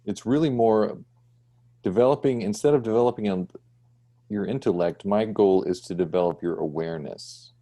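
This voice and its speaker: A man leads a design class over a video call. His voice sits somewhat low and has a mellow, warm tone. He talks conversationally and keeps checking in with the students. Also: normal speed. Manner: conversational, often checks with "right?". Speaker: design teacher. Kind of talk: online class teaching.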